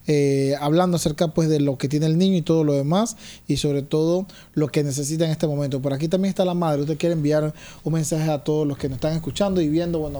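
A man interviewing a family, asking brisk, leading questions. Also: fairly high pitch, dark tone.

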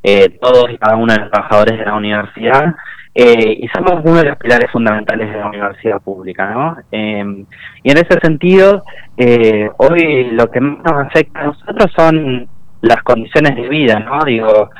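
Un joven argentino de Entre Ríos, estudiante universitario, que habla en serio en una entrevista de radio, dudando a menudo y cerrando frases con "¿no?". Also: male voice, mid-range voice, moderate pace, low-quality recording. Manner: earnest, many hesitations and repeated tag questions. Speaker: university student and union representative. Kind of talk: radio interview guest.

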